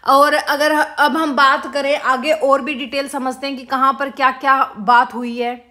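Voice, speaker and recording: A woman's voice: high-pitched, little pitch movement, measured pace, sharp tone. A woman teaching an exam-prep lesson, repeating key words and quizzing her students with questions. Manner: calls students "beta".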